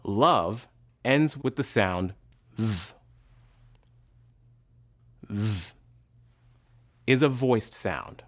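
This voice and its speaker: Very slow, deliberate male pronunciation teacher. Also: medium pitch, expressive, a bit bright. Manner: carefully enunciated, pausing between sounds. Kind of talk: slow, deliberate scripted instruction.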